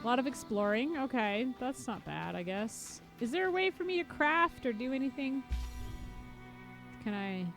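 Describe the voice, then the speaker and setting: A woman's voice: high-pitched, lively intonation, moderate pace, over music. A woman streaming a game, giving casual, wry running commentary with sudden exclamations. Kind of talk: casual gameplay chat.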